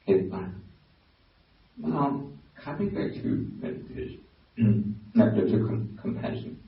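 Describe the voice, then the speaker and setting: A man with a Burmese accent, a Buddhist monk giving a dharma talk, pausing and restarting often as he searches for words. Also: medium pitch, animated, gravelly. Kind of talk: dharma talk to a lay audience. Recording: very echoey hall, distant mic, dull lo-fi sound.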